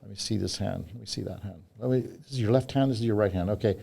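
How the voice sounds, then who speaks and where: A man with a fairly low, gravelly voice performs as a kids party magician. He guides a volunteer through a trick with short, practical, hands-on instructions, explaining each step as he goes. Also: fast talker, mellow. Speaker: children's magician and magic teacher, interview guest.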